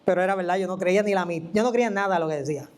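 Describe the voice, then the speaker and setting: A preacher gives an animated, conversational teaching sermon, asking the listener questions. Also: medium pitch, rapid-fire. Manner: animated, asks the listener questions and acts out quoted voices. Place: church.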